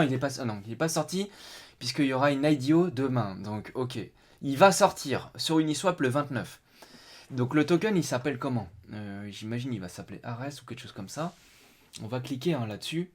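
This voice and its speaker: A man hosting a casual live stream, thinking aloud as he goes through a web page, with many fillers and restarts. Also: mid-range voice. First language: French.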